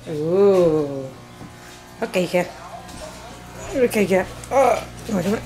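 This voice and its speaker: A young woman, a mother filming a casual home vlog, coaxing, teasing and gently scolding her child while talking to viewers. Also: mid-range voice, normal speed, soft background music.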